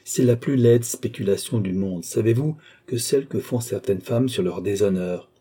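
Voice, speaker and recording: A man voicing a haughty, weary older count who answers with calm, disdainful impatience. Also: on the low side, normal speed, husky.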